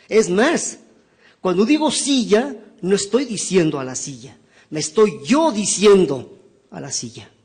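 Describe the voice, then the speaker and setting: A man's voice: fairly high pitch, darkish tone, husky. A man presenting his own book in a lecture style, teaching with rhetorical questions and frequent tag questions.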